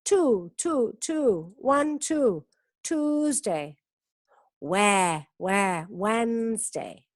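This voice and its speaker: Slow, careful woman teaching English. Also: mid-range voice, sing-song, no echo, clean studio sound. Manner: slow, drawn-out pronunciation drills with frequent "ok?" checks. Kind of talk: online class over video call. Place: community centre in Barcelona. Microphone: video call.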